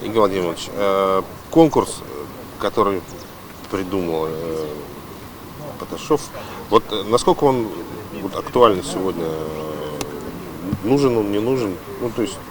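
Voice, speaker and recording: A male reporter puts an interview question in halting phrases. His voice is low, and there is clear noise behind it. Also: lively intonation.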